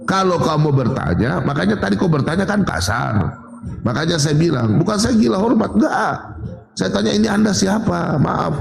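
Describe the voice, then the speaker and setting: High boastful man in an echoey room. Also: moderate pace, gravelly. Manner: boastful, keeps urging calm. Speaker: debate participant. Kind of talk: heated online debate. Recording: echoey room with long reverb.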